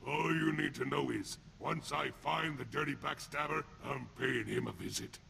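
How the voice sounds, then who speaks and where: A video game alien thug speaks menacingly in a gravelly, rough, heavily growling rasp with a hard, sharp edge and a sneer. His blunt, crude street slang evokes a tough enforcer fresh out of prison. The mid-range voice moves at a moderate pace over faint background noise.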